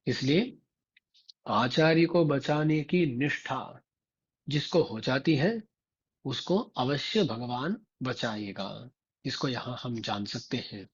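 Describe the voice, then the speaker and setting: A man, a Vaishnava religious teacher, tells a devotional story in a slow, repetitive way and keeps turning to his listeners with rhetorical prompts. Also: medium pitch, lively intonation, husky, dull audio.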